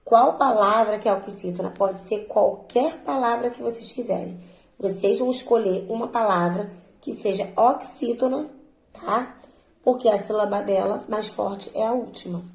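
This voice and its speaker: A woman teacher slowly and patiently walking her students through a worksheet, drawing out words to stress their syllables. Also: medium pitch, gravelly, a little mellow, reverberant, poor audio. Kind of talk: remote lesson walking students through exercises.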